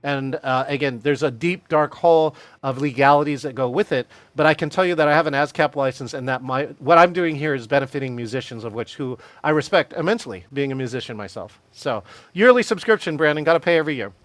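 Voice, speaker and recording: A man presenting a live video-call training session on virtual meetings, energetic, laughing often and calling on attendees by name. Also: mid-range voice, quick pace, few pauses, no room sound.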